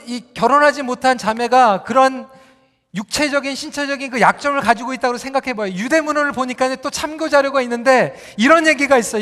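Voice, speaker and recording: High-voiced pastor preaching in a reverberant hall. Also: male voice. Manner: animated storytelling, addressing the congregation directly. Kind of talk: sermon.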